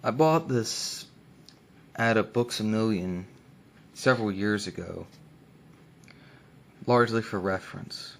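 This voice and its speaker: Low, creaky-voiced man doing soft ASMR. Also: slow, pauses often, a little hiss or hum. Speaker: ASMR host. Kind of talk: soft ASMR book show-and-tell, often dropping to a whisper.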